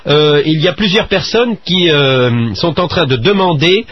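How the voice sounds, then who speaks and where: A man's voice: on the high side, animated, unhurried, slightly rough, dry recording, highs cut off. A man co-hosting a comic radio show, joking and asking mock quiz questions in a playful way. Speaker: radio host.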